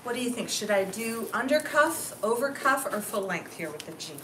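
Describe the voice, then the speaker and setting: A woman's voice: fairly high pitch, big pitch swings, moderate pace, pushed and bright. A woman hosting a casual styling demo, chatty and always checking in with the people around her. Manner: chatty, keeps asking "okay?". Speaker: host, stylist. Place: clothing store. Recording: roomy, distant mic, noisy.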